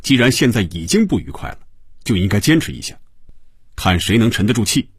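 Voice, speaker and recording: A man voicing a wily male negotiator who coaxes and pleads in drawn-out tones, in a spoken story. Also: on the low side, sing-song, breathy edge, dry recording, clean studio sound, full character voice. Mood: coaxing.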